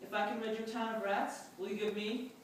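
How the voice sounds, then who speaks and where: A performer playing the Pied Piper, a mysterious, boastful wandering musician, reciting verse deliberately for readers theatre. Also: medium pitch, flat delivery, lightly acted. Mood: boastful, formal. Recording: distant, very echoey room, faint noise.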